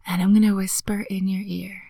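A woman voicing a playful, teasing young woman just out of school, talking close to the mic in a breathy whisper with frequent giggles. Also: medium pitch, level tone, mellow, no room sound. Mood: whispery teasing. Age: young adult. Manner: giggly, coaxing, slow and drawn-out. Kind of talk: intimate audio roleplay.

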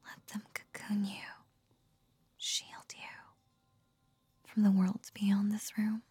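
A woman voicing an ancient, possessive nine-tailed fox goddess in a whispered ASMR roleplay, speaking in a slow, teasing, breathy murmur. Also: medium pitch, monotone, darkish tone, no echo. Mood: seductive, teasing.

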